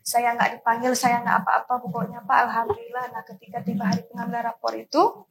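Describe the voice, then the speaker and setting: A woman's voice: a little high, steady tone, fast, creaky, crowd noise, low-quality recording. A teenage girl, telling an emotional personal story to an interviewer in earnest, tearful tones. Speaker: interviewee, student.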